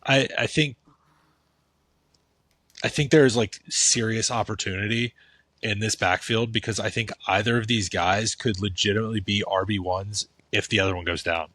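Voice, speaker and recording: A man's voice: on the low side, steady tone, normal speed, a bit bright, no echo. A man co-hosting a podcast, giving casual fantasy football takes, often restarting with "I think". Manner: thoughtful, repeats "I think" and restarts. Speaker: podcast co-host.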